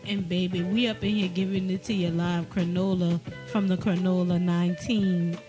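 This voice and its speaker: A woman's voice: fairly low pitch, flat delivery, moderate pace, music in the background. A woman co-hosting a casual podcast, with brash, profane, joking banter. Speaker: podcast co-host. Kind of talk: casual chat.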